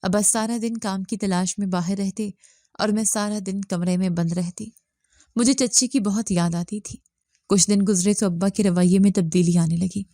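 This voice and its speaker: A woman narrating a dramatic moral story in a steady, scripted way. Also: mid-range voice, no echo, studio quality.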